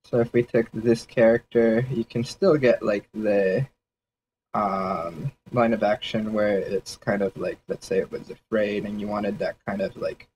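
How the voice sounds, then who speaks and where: A man's voice: lowish voice, measured pace, darkish tone, highs cut off, a little hiss or hum. A man casually thinking aloud during a livestream sketch session, rambling and hedging with fillers as he explains his ideas. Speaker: 3D artist streaming a sketch session.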